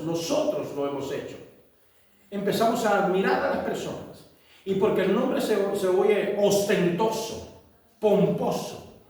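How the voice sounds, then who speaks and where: Casting: man, preaching; a high voice, picked up from a distance. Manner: acts out quoted church members in little voices. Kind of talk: sermon. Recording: echoey room, voice from a distance.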